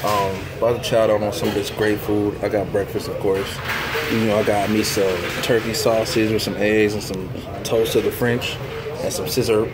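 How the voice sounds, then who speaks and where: A man's voice: lowish voice, flat delivery, moderate pace, over a noisy crowd. A young man vlogging casually with his partner, teasing and joking while he has the hiccups. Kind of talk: casual vlog. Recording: noisy handheld camera audio.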